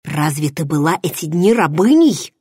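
A man's voice: a little high, animated, moderate pace, a little mellow, husky, no echo, clean studio sound. A woman reading the part of a self-assured noble man who speaks tensely and insistently, in an audiobook. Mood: defensive.

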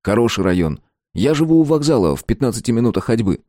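A man voicing a polite, helpful young man who speaks in a courteous, even way. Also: mid-range voice, quick pace, no echo, clean studio sound, pitched above the performer's own voice, close to an everyday voice.

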